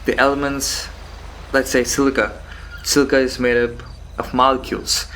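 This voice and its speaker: A man giving a rambling philosophical monologue, musing haltingly with rhetorical questions and repeated phrases. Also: medium pitch, little pitch movement, a bit bright, rough recording. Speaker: solo host of a philosophical talk. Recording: background noise with insect and cricket sounds.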